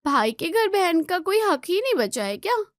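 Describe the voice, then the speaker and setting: A woman's voice: sing-song, normal speed, no room sound, studio quality. A woman voicing a spoiled, bossy married daughter who whines and gives orders. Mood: complaining. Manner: shrill, whiny, commanding.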